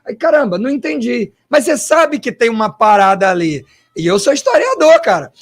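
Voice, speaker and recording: A man, a historian hosting an interview, asking long questions and thinking aloud in an animated way with rhetorical asides. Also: sits high, a little fast. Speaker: host and historian.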